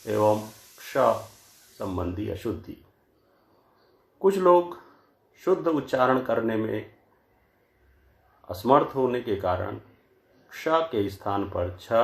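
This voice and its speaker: A man teaching a grammar lesson from slides, saying each word slowly and often twice so that wrong and right forms can be compared. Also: fairly low pitch, creaky, echoey room. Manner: slow, deliberate, says each word pair twice to contrast. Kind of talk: slide-based lecture.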